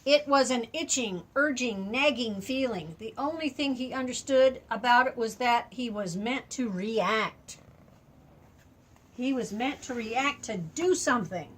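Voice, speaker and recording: With a voice on the high side and a slightly slow pace, an older woman reads a story to a small child. She takes on a grandmotherly storyteller role and adds simple, expressive comments to explain things along the way.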